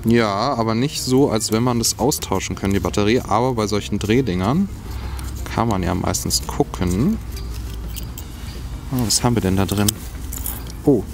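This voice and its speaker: Sitting on grass by a log outdoors, a man gives a casual, hands-on review of a cheap survival kit, musing aloud as he tries out each item. His voice is lowish, with slight background noise and music playing underneath.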